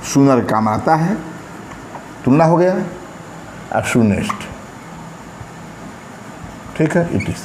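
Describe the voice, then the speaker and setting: Slow, deliberate male grammar teacher. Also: on the high side, darkish tone. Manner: slow, drawn-out, repeats words while writing on a board. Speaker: English teacher. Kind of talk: grammar lesson explained in Hindi. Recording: echoey room, faint background noise.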